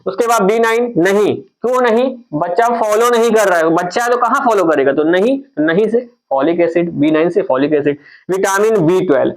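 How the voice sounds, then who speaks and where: A man with a high-sitting voice explains memory tricks for a general studies lesson, talking to viewers as if they were friends. He repeats his points and poses questions he then answers himself, at a moderate pace on a rough recording.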